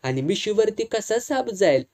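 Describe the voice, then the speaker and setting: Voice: mid-range voice, sing-song, normal speed, a little mellow, pitched above the performer's own voice. A reader voicing a chatty, uneasy village barber who coaxes in rural dialect. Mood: coaxing.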